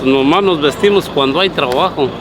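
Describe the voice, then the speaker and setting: A man's voice: a little high, normal speed, background noise. A mariachi musician, a man, answering matter-of-factly outdoors in a plaza. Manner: plain, matter-of-fact. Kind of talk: casual street interview.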